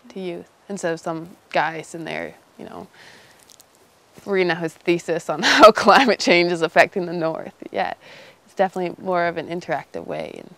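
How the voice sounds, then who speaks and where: A young woman in her early twenties with a Canadian accent talks in a casual interview. Her voice sits fairly low and has a strong creak to it. She phrases things loosely and informally, as in everyday conversation. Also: a bit bright. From Iqaluit, Nunavut, northern Canada. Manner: informal, loose phrasing with frequent "you know". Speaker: interviewee, young polar expedition member.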